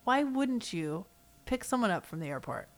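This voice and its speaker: A woman's voice: on the high side, sing-song, normal speed. A woman co-hosting a casual reaction chat, blunt and opinionated. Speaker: podcast co-host.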